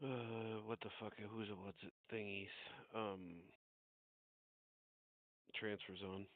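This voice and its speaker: A man's voice: lowish voice, level tone, slow, dry recording. A man co-hosting a live stream from a remote call, chatting casually and rambling through fillers as he searches for words. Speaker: co-host. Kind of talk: casual chat over a call. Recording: dry, tinny call audio.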